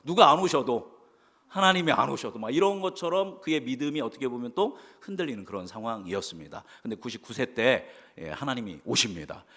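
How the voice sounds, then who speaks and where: A man's voice: medium pitch, animated, a little fast, fairly bright tone. A male pastor preaching a sermon, often asking the congregation questions and answering them himself. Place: church sanctuary. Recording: long church-hall reverb.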